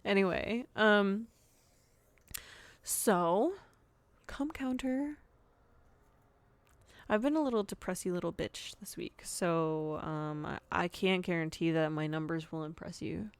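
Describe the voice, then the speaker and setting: A woman's voice: on the low side, measured pace, clear, resonant tone, no room sound. Frank, giggly woman podcast host. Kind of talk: casual solo podcast chat.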